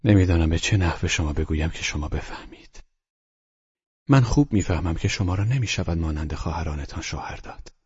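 A man reading the part of a calm, earnest older doctor who speaks softly and often in a whisper. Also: sits low, heavily acted. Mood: hushed, tender. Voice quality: husky. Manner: soft, hushed, often whispered. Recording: dull lo-fi recording.

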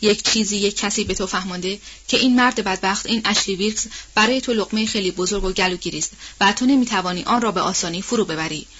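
A woman's voice: mid-range voice, fairly bright tone, breathy edge. Give me a woman reading a bitter, worn-out husband with a heavy, dismissive tone, on a muffled audiobook track. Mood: weary bitter. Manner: heavy, tired, coolly dismissive. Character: weary, bitter, sardonic grown man, a husband. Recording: dull, muffled audiobook recording.

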